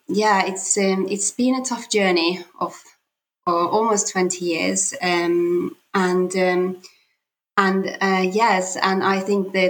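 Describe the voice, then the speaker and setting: A Finnish-accented woman in her forties talks as a podcast guest in an average-pitched voice. She speaks hesitantly, with plenty of ums and restarts as she looks for her words. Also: a bit bright, poor audio. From Finland. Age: 40s. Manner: hesitant, many fillers and restarts. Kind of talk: casual interview talk.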